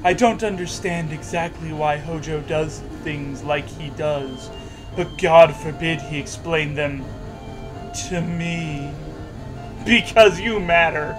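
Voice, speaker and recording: A man with a slightly high voice hosts a mocking read-aloud of fan fiction, sarcastically slipping between reading and casual banter and even voicing the punctuation marks. The recording is low quality.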